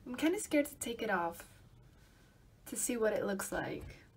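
A young woman chats to her camera in an upbeat, rambling way, full of "um"s. Her voice sits a little high. The camera audio carries clear noise behind her. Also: expressive, normal speed, rough recording. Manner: chatty, upbeat, with many fillers. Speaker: vlogger and radio host. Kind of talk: casual vlog to camera.

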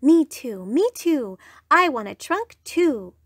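A woman's voice: sits high, measured pace, no echo, studio quality, full character voice. Woman doing a squealing, eager young iguana. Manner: excited, squealing repeated cries.

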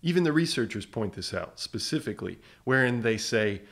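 A man's voice: mid-range voice, lively intonation, fairly quick, gravelly, a bit bright. A man narrating a scripted science explainer about nutrition studies, emphatic and fond of rhetorical questions. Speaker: science educator.

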